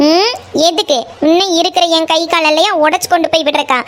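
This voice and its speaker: A shrill, very high-pitched cartoon village girl voiced by a woman with a Coimbatore Tamil accent. She is quick to anger and rattles off insults, and her voice sits far above an ordinary speaking voice. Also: fairly even intonation, a bit bright. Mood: furious. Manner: scolding, hurls insults. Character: sharp-tongued young village girl, hot-tempered. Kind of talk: cartoon voice acting.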